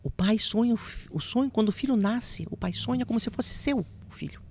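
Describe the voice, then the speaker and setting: A woman telling an emotional personal testimony, slipping into soft whispers and a preaching tone. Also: on the high side, lively intonation, fairly quick, slight background noise. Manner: emotional, drops to soft whispers when recounting quotes; preaching tone on spiritual points. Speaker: guest giving testimony.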